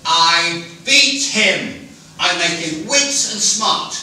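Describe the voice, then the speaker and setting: A man playing a cold, controlling stepfather in a stage play, measured, condescending and menacingly polite, heard from far off in an echoey hall. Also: high-pitched, lively intonation, pushed and bright, exaggerated voice. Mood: cold menace.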